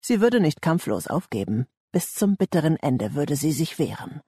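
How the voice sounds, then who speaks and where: Male audiobook narrator, thriller reading, husky and a touch high, dry close sound. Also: very animated, moderate pace, dark tone, dry recording.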